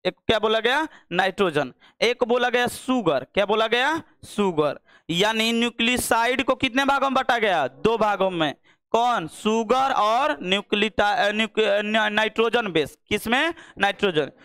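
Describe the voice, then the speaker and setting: Man teacher, very high voice, smooth and clear, dry close sound, drills answers by repetition. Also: moderate pace, pushed and bright, dry recording. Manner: repeats questions and drills answers. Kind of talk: classroom-style biology lesson.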